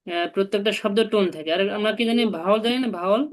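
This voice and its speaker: A woman's voice: mid-range voice, rapid-fire. A woman, teaching a language lesson and patiently explaining each step. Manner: patient, explains step by step and asks the learner to repeat.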